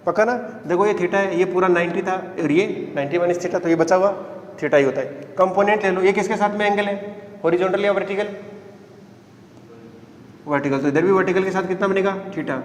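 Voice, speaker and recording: A man's voice: high-pitched, fairly quick, a little hiss or hum. A man teaching physics and coaxing his students with repeated "right?" checks. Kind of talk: classroom lecture. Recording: echoey classroom, long reverb.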